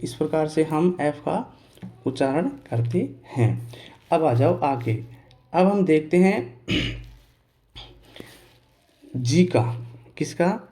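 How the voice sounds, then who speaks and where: A male teacher explaining pronunciation step by step, asking questions and answering them himself, repeating key words slowly and spelling out letters. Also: on the high side, animated, dark tone. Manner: clears his throat now and then. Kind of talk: Hindi lesson on English pronunciation.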